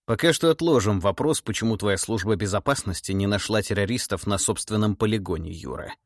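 A man voicing a stern, cold middle-aged tsar in an audiobook, speaking in a measured, menacing, authoritative way. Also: on the low side, no echo, clean studio sound, lightly acted. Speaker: monarch interrogating a relative. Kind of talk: audiobook character voice.

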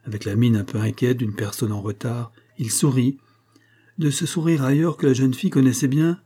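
Mellow, husky male narrator. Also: mid-range voice. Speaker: audiobook narrator. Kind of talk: scripted narration.

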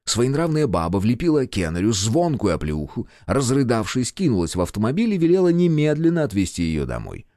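A man narrating an audiobook in an expressive storytelling manner. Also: medium pitch, brisk, few pauses, dry recording, clean studio sound.

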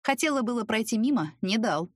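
A woman narrating a first-person romance audiobook in a soft, even storytelling voice. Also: fairly high pitch, fairly quick, dry recording, studio quality. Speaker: audiobook reader.

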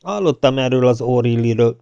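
Egy férfi felolvasó, aki egy hangoskönyvben egy mogorva, nyers modorú, középkorú börtönhadnagyot szólaltat meg. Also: male voice, medium pitch, warm tone, no room sound, muffled recording, lightly acted. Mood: gruff. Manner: gruff, blunt. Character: gruff male prison lieutenant, middle-aged.

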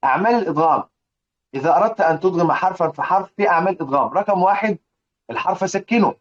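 Rapid-fire and animated, a man with a high voice and an Egyptian Arabic accent teaches recitation rules by explaining a poem in a religious lesson. The audio is dull, and he drills his students with rhetorical questions repeated over and over.

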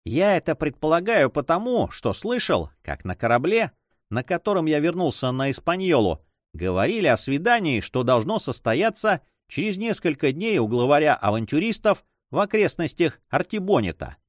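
In clean studio sound with no room echo, a man's a-little-high voice is very animated yet moderately paced. For this audiobook he plays a calculating, icy spy hungry for gold, deferential and coolly courteous.

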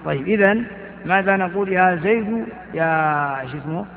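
A man's voice: sits high, moderate pace. An older man teaching Arabic grammar in a lecture, repeating examples and asking and answering his own questions. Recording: tinny, echoey old lecture recording.

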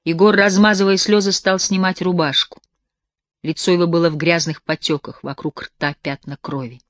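A woman narrating a mystic story as an audiobook reader, with intense, hushed dramatic delivery. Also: lowish voice, steady tone, normal speed, dry recording. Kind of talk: audiobook reading of a mystic tale.

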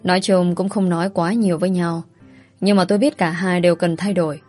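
A woman narrating a first-person story in a steady, measured reading. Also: lowish voice, faint music behind.

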